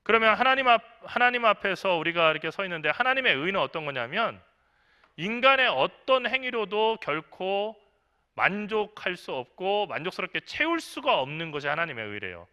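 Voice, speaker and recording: A man's voice: high voice, big pitch swings, moderate pace, sharp tone, smooth, highs cut off. A middle-aged man, a senior pastor, preaching a sermon in a conversational way, asking the congregation questions and acting out quotes. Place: church.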